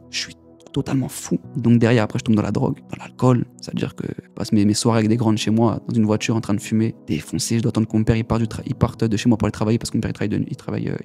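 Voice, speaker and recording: A man's voice: medium pitch, warm tone. A young man giving a personal testimony in an interview, telling his story in casual street slang with many repeats. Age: young adult.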